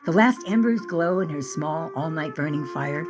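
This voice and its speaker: Expressive woman reading her novel. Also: sits low, moderate pace, music in the background. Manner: vivid, expressive storytelling. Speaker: author reading her book. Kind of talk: dramatic audiobook-style reading.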